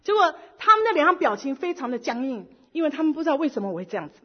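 A middle-aged woman giving a personal church testimony in lively storytelling style, slipping English words into her speech. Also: sits high, rapid-fire. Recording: dull lo-fi recording.

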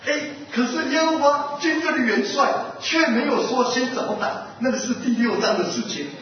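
Heard from afar in a muffled, noisy, echoing hall, this very high-voiced pastor speaks at a moderate pace. His sermon mixes questions for the congregation with an acted-out animal fable.

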